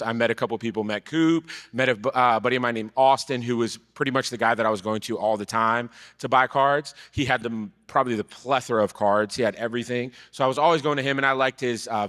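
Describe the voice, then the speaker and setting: A man in his thirties from Brazil, telling his story as a podcast guest in relaxed, casual talk that trails off quietly. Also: mid-range voice. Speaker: podcast guest, card vendor. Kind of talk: casual chat. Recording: live event hall with long reverb.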